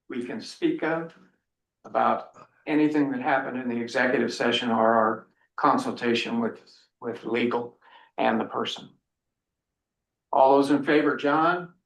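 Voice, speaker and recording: A man's voice: medium pitch, vocal fry. Man chairing a meeting, echoey room. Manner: procedural, firm, measured. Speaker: selectboard chair. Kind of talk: town meeting proceedings.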